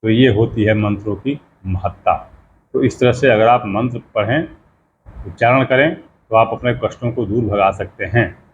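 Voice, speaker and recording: A man, a pandit, explaining how mantras should be pronounced, slowly spelling out sounds and repeating words. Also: lowish voice. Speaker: pandit teaching mantra pronunciation. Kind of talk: explanatory teaching talk. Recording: slightly dull lo-fi sound with faint background noise.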